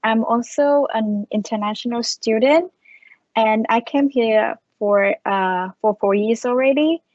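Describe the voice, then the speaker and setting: A woman's voice: fairly high pitch, unhurried, darkish tone, no room sound, lo-fi sound. A young woman from Vietnam, introducing herself as a student ambassador in plain, slightly broken English. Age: young adult. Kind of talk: self-introduction on a panel.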